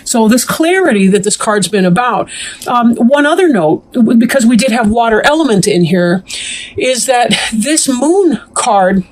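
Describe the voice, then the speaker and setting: A woman's voice: a little high, animated, a little slow. Chatty, slightly breathless tarot-reading woman. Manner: chatty and meandering, clears throat often. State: a bit short of breath. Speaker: tarot reader. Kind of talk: casual tarot reading to camera.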